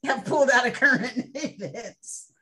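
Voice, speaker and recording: A woman co-hosting a podcast talks in a blunt, emphatic way and swears freely. Her pitch swings widely as she makes her points in casual chat. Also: expressive, a little slow, over a noisy crowd. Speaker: podcast co-host.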